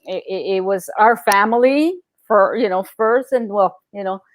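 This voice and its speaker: A woman's voice: mid-range voice, moderate pace, a little hiss or hum. A middle-aged woman from El Salvador, a guest speaking casually in an interview, with many fillers and restarts.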